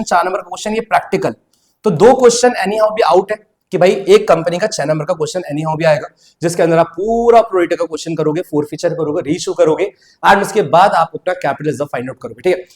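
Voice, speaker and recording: A man giving an exam-prep accountancy lecture, mixing English terms into his Hindi and calling his students "bachcha". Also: high-pitched. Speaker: accountancy teacher.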